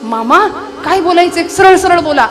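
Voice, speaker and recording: A jealous young prince, played by a woman storyteller, presses his advisors with sharp impatience. His lines come high and insistent over music behind. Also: expressive, normal speed. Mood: impatient. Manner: demanding, impatient.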